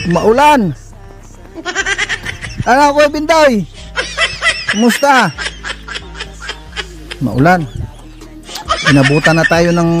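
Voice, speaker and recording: Male charity vlogger, unhurried, laughing coaxing manner, phone-filmed outdoors, music bed behind. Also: sits high. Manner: chatty, coaxing, often laughing. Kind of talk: casual on-location vlog talk. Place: outdoors at a house in the rain. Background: background music.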